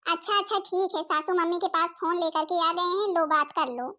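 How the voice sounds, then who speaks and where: Sweet-talking cartoon daughter-in-law. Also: female voice, extremely high pitch, steady tone, normal speed, sharp tone. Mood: coaxing. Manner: coaxing, ingratiating. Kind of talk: cartoon comedy voice acting.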